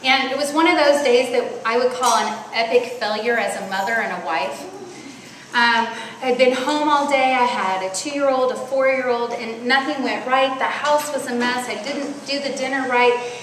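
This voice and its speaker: A woman in her forties, a loud, animated speaker, telling a personal story at a church women's conference. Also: on the high side, normal speed. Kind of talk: storytelling sermon. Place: large hall at a church retreat. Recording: echoey hall, faint noise.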